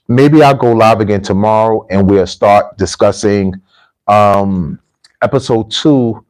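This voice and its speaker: An American man whose voice is on the low side hosts a casual livestream, chatting informally with viewers, telling anecdotes, and often repeating phrases for emphasis. He works as a livestream host and repatriation coach, and the audio quality is poor.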